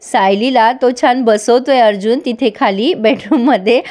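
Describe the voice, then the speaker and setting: Woman doing a chatty serial recap, lively, talks to viewers, voice on the high side. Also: normal speed. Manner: lively, addresses viewers directly.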